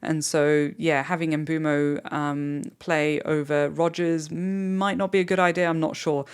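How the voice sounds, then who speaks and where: Smooth-voiced rambling fantasy football host. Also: mid-range voice, level tone, measured pace. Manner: rambling, thinking aloud, addresses listeners directly. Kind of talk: off-the-cuff solo podcast ramble.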